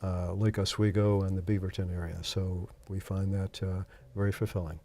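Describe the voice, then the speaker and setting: A man in his sixties from Oklahoma, answering interview questions thoughtfully, pausing often with fillers. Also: low voice, little pitch movement, dark tone. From Oklahoma, USA. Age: 60s. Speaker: interview guest.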